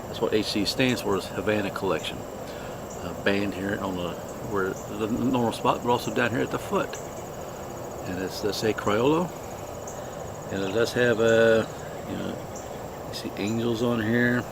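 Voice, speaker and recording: A man with a fairly low voice talks casually as a review host. His delivery is plainspoken and unhurried, with halting stretches. The recording is clearly noisy, with insects and ambient sound behind him. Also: steady tone. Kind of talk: casual product review chat.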